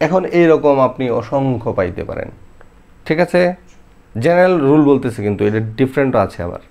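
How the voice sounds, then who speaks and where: A man's voice: medium pitch, big pitch swings, a little mellow. Man teaching spelling rules. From Bangladesh. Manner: conversational, repeats example words slowly, asks rhetorical questions. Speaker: primary school teacher. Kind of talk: explaining Bangla spelling rules to viewers.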